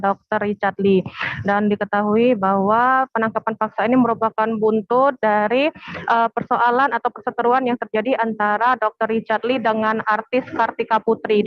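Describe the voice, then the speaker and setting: Female field reporter on a phone line, mid-pitched and hesitant, with faint music under a tinny, dry connection. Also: dry recording. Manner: hesitant, many "eh" fillers.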